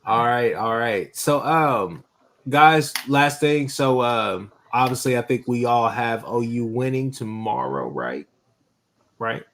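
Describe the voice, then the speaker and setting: A man's voice: mid-range voice, lively intonation, slow, a bit bright, slight background noise. A man hosting a sports podcast, easygoing as he steers the panel and wraps up the show. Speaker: podcast host.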